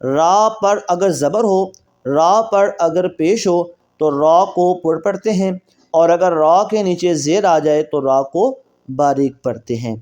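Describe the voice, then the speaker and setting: A man with a Pakistani Urdu accent teaching Quran reading, explaining the rules quickly and then drawing out each letter slowly for practice. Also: on the high side, a little mellow. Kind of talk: recorded reading lesson.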